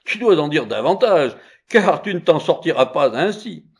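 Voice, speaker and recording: A man's voice: on the high side, very animated, moderate pace, breathy edge, pitched above the performer's own voice, full character voice. A man playing a furious threatening judge. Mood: stern. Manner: loud angry threats.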